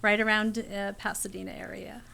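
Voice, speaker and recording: A middle-aged woman from California, a dietitian guest answering interview questions in a relaxed, friendly way and laughing easily. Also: mid-range voice, fairly quick, creaky.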